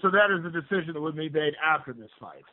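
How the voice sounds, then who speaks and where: A man's voice: fairly high pitch, animated, quick pace. A man asking questions as a reporter over a tinny phone line.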